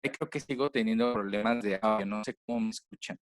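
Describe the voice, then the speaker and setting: A man's voice: fairly low pitch, fairly quick. A man speaking as a guest speaker over a choppy, robotic-sounding bad video call connection, polite and hesitant and repeating words. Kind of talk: online talk opening.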